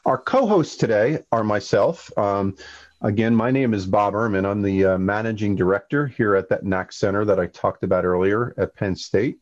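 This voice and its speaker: An upbeat man hosting a webinar and interviewing his guest. He uses many fillers and often calls things fantastic. His voice is fairly low, and the audio sounds dull and lo-fi. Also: normal speed. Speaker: webinar host.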